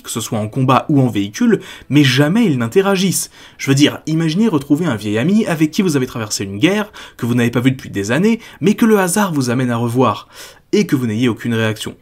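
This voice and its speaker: A man's voice: medium pitch, slightly rough. A man delivering a scripted, critical and sarcastic video-essay commentary as a film critic.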